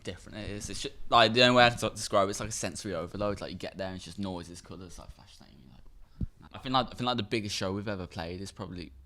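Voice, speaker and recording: A man's voice: on the low side, rapid-fire, sharp tone, a little hiss or hum. A young man from Liverpool with a Liverpool accent, a band member chatting in an interview, rambling and tripping over his words. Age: young adult. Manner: rambling, stumbles and repeats words. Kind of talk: casual interview chat.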